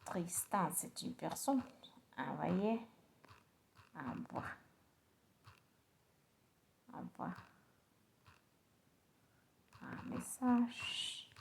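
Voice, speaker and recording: Slow, gravelly-voiced woman learning French. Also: lowish voice, animated, darkish tone, a little hiss or hum. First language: Spanish. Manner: halting, repeats phrases, mutters to herself. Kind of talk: pronunciation practice.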